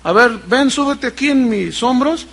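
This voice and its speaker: A man's voice: very high-pitched, lively intonation, normal speed, gravelly, fairly bright tone, in a large hall, pitched above the performer's own voice, full character voice. A preacher voicing a showman tightrope walker who challenges a crowd. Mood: challenging. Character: boastful tightrope walker, adult man.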